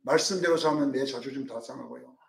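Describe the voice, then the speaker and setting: A male pastor preaching a sermon, dramatic, swinging from loud calls to hushed asides and acting out quotes. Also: mid-range voice, quick pace, creaky, recorded from a distance. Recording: roomy sound from off-mic.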